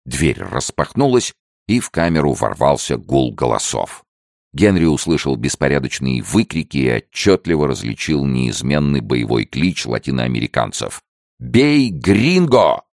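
A man reading an adventure story aloud in measured, expressive scripted narration. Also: extremely low pitch, gravelly, no echo, studio quality. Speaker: audiobook narrator.

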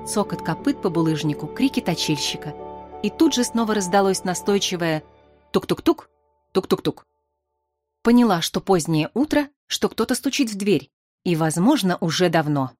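A woman narrating an audiobook in a measured, even storytelling manner on a close studio mic. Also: mid-range voice. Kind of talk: audiobook reading.

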